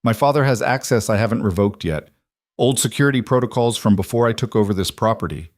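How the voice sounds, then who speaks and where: A man's voice: on the low side, fast, dry recording, clean studio sound, close to an everyday voice. A man reading the lines of a young mafia boss husband, tense, clipped and firm. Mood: strained.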